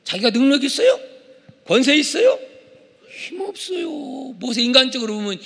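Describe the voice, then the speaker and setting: A man preaching a sermon as pastor, leading the congregation in call-and-response and shouting for emphasis. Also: very high-pitched, big pitch swings, moderate pace. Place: church sanctuary. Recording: long church hall reverb.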